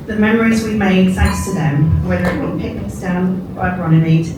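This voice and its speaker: A man's voice: high voice, moderate pace. A man gives a heartfelt, sentimental wedding toast as the groom. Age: 40s. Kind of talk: wedding toast, speech of thanks. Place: indoor wedding reception room. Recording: echoey noisy room, recorded from far off.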